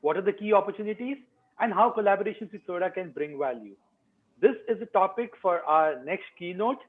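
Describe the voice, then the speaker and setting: A man's voice: high-pitched, animated, a little fast. A man hosting an online conference, reading a scripted introduction of the next keynote speaker. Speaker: event host introducing speaker. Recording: tinny phone-like line.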